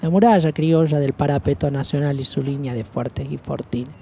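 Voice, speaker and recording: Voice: mid-range voice, steady tone, moderate pace, creaky, mellow, a little hiss or hum. A speaker from Argentina reading a scripted manifesto in a solemn, declamatory cadence with long lists. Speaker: narrator of an activist video piece. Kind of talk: scripted spoken-word manifesto narration.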